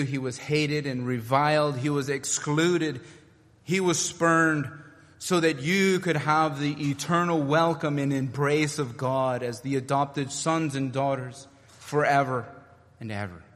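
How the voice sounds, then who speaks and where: A man's voice: fairly high pitch, fairly bright tone, in a large hall. A man preaching a sermon in an earnest way, building his points through rhetorical questions.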